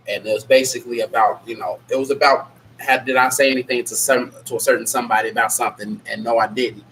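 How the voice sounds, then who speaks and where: With a mid-range, fairly bright voice, a male livestream host answers questions in a casual Q&A despite a stuffy nose and sore, scratchy throat. He sounds nasal. He rambles, doesn't mince words, and reads out names from the chat.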